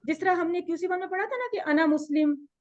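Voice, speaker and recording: A woman teaching an Arabic class online, explaining patiently and drilling pronunciation slowly. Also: very high voice, a little mellow. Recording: dull lo-fi audio.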